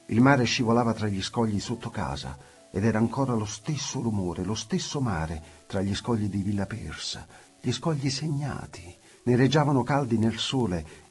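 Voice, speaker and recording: A man's voice: on the low side, darkish tone, husky. A man reads a literary novel aloud in an intimate, reflective voice. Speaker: audiobook narrator. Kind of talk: literary audiobook reading.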